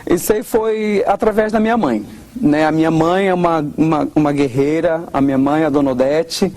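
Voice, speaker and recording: A man's voice: fairly high pitch, normal speed. A man with a Brazilian Portuguese accent giving an earnest testimony in an interview, acting out the voices of the people he quotes. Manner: earnest, expressive, quotes others in changing tones. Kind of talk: emotional testimony.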